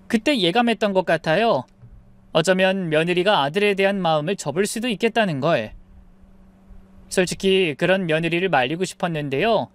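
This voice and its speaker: A woman telling a first-person true-life story in a calm, confiding way. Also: fairly low pitch, no room sound.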